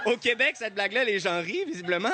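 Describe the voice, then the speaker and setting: A man with a Québécois accent doing a stand-up comedy routine, animated and laughing often at his own jokes. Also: high voice, quick pace, background noise. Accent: Québécois French.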